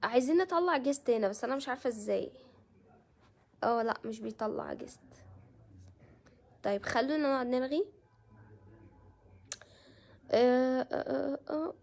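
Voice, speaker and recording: A woman's voice: high-pitched, normal speed, vocal fry, long pauses, a little mellow. An Egyptian woman hosting a casual live stream, chatting with viewers and greeting them by name. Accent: Egyptian Arabic.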